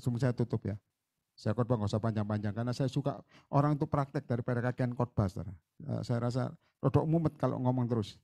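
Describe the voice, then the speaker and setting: Animated man preaching a lively sermon. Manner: animated, jumps between loud bursts and low asides; chatty, acts out conversations with church members. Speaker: guest preacher. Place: church hall.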